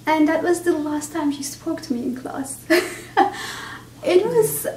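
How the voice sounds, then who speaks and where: A woman from Turkey recalling an experience in an interview, measured and thoughtful. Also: sits high, lively intonation, dark tone. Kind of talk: reflective interview recollection. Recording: echoey room, mic at a distance, faint background hiss.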